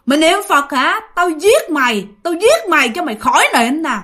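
Woman performing vengeful ghost woman, shrill, threatening, high and swooping. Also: big pitch swings, moderate pace, fairly bright tone. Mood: menacing. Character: vengeful female ghost, wild-haired, cruel, cursing.

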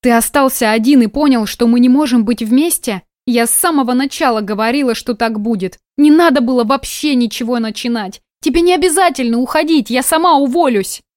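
A woman voicing a sharp, sarcastic young woman. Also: fairly high pitch, fairly quick, few pauses, dry recording, clean studio sound, lightly acted. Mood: sarcastic, heated. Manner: biting, sarcastic, emotional. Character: young woman, sarcastic, hurt, quick-tempered. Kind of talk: audiobook dialogue.

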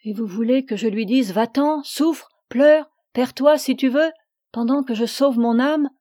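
Une femme qui prête sa voix à un jeune homme tourmenté, partagé entre la foi et un amour coupable, qui implore avec passion. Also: female voice, mid-range voice, unhurried, mellow, no echo, clean studio sound, close to an everyday voice. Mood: desperate. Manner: pleading, impassioned. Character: anguished young man torn by guilty love.

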